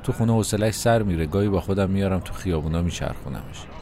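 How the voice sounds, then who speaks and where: A man's voice: low voice, background noise. A man voicing a friendly, chatty middle-aged male taxi driver in a storybook reading. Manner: easygoing, chatty.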